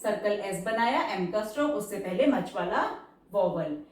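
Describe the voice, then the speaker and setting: A woman teaching shorthand step by step, patiently checking that each word is clear. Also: mid-range voice, animated, darkish tone, recorded from a distance. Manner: slow, patient, checks understanding. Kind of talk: step-by-step lesson explanation. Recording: echoey room, voice away from mic.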